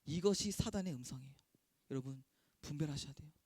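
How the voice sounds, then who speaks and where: A young man preaching as a youth pastor, with earnest, repetitive phrasing that swings between hushed and loud. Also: on the high side, quick pace, slightly rough, dry recording. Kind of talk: sermon.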